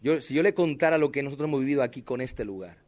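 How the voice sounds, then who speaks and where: A man's voice: mid-range voice, fast talker, a little mellow. A male pastor, preaching a sermon with impassioned, dramatic emphasis and addressing the congregation directly. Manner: tells personal stories with dramatic emphasis.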